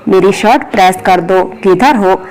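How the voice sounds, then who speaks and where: A woman's voice: mid-range voice, unhurried, a little mellow, lightly acted, poor audio. A woman voicing a curt, angry young husband in a spoken story, scolding harshly.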